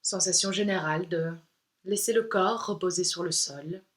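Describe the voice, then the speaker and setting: A woman yoga instructor with a fairly low pitch guides a meditation, calm and soothing, taking her time and leaving pauses.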